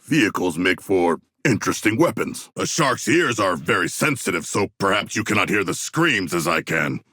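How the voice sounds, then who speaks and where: A man voicing a hulking, proud humanoid shark warrior for a video game, with a rough, gravelly voice and formal, grandiose, earnest diction. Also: low-pitched, sing-song, moderate pace, bright, forceful tone, no echo, clean studio sound, exaggerated voice. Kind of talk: video game character voice lines.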